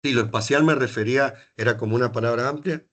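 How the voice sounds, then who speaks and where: A man's voice: medium pitch, fast talker, fairly bright tone. A middle-aged Argentine man, a geography lecturer, talking in an academic panel discussion, full of restarts, asides and rhetorical questions. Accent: Argentine Spanish.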